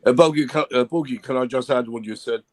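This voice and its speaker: A man's voice: mid-range voice, dry recording. Fan caller, male, mid-range voice, dry sound, mic dropping out with uneven volume, stop-start delivery. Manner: halting, keeps checking he is heard. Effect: cutting-out mic with uneven volume. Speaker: fan caller on a live show. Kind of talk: casual chat.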